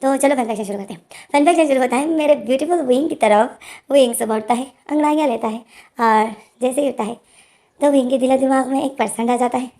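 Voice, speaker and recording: A young woman with a sore throat reads out a fan fiction in a casual, chatty way and keeps talking to her audience. Her voice is mellow and sits a little high. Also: fast. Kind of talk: casual story reading.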